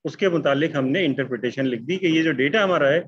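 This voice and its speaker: A man's voice: fairly high pitch, lo-fi sound, slight background noise. A man teaching statistics in an online class, dictating sentences word by word as he writes them out. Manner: slow, dictating word by word while writing.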